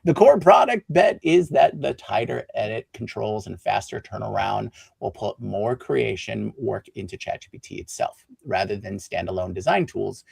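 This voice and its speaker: A man's voice: fairly low pitch, animated, moderate pace, vocal fry, hardly any pauses, darkish tone, slightly rough, dry recording. A male co-host reading a tech news item, slipping in and out of an announcer voice. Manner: slips in and out of an announcer voice. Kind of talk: news segment.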